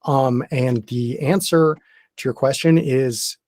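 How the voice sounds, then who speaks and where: A man acting as game master, explaining the rules step by step in a halting way. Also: medium pitch, darkish tone, dry recording. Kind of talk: narrating a tabletop game.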